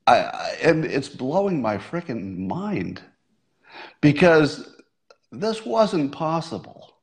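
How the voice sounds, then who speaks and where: A man's voice: a little high, sing-song, slow pace. A man in his sixties talking to his audience in a casual, musing monologue, with occasional self-amused laughs. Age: 60s. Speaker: livestream host.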